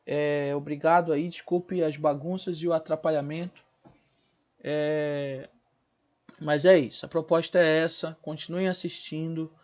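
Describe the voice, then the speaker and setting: A male teacher, giving a recorded grammar lesson and sounding out words slowly, syllable by syllable, often checking in with his class. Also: a little high, steady tone, a little mellow. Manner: checks in with the class, asking "né?" and "certo, gente?".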